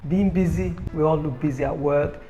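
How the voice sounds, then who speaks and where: A man giving an upbeat, persuasive sales pitch for his own book, recorded on a phone camera. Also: moderate pace, warm tone, lo-fi sound, soft background music. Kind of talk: motivational self-promotion video.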